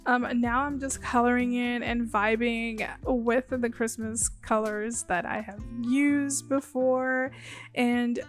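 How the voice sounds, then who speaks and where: A chatty woman with a fairly high voice, a little groggy, talking in a loose, rambling way and giggling between thoughts. She narrates her drawing casually over soft background music. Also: steady tone, slow. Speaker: bullet journal creator. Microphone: phone.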